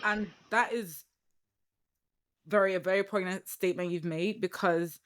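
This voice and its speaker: A young woman from Nigeria with a Nigerian accent, hosting a podcast and telling her own stories in a lively, chatty way. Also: fairly low pitch, a little slow. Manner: animated storytelling with laughs and quoted asides. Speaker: podcast host. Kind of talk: casual interview chat.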